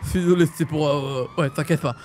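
A man roleplaying a small-time crook in a video game, excitable and teasing, barking orders. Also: on the high side, fast, slight background noise. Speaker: streamer playing a small-time criminal.

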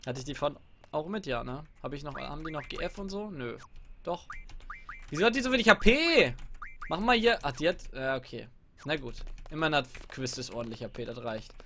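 A man's voice: fairly high pitch, expressive, fairly quick, fairly bright tone, slight background noise. A man giving casual let's play commentary on a headset, muttering asides to himself.

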